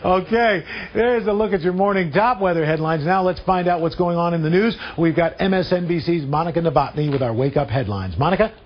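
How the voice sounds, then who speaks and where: A man's voice: a little high, fairly quick, hardly any pauses, slight background noise. A man hosting a morning TV show, teasing his co-hosts and reading the weather in a playful, joking way. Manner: playful, teasing, laughs often. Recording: dull lo-fi TV broadcast audio.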